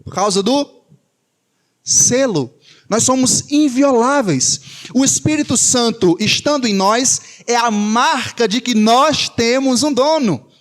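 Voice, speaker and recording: A Brazilian man preaches in a high voice. He speaks with emphasis, repeats his key phrases, and poses rhetorical questions to the congregation. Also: slow. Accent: Brazilian Portuguese. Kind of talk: sermon.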